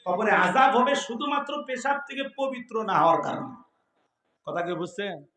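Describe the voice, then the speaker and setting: Male preacher, high and sharp-toned, rousing sermon delivery with chanted verses, echoey loudspeaker sound. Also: expressive, moderate pace. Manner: rousing, questions the crowd, chanted Arabic verses. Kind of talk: Bengali waz sermon. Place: outdoor religious gathering.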